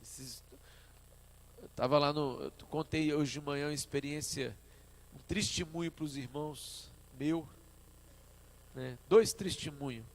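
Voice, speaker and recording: A man with a Brazilian Portuguese accent, a pastor preaching a sermon at a church service and telling stories in an animated way. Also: fairly high pitch, measured pace, pauses often. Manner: animated storytelling, acting out his own past dialogue.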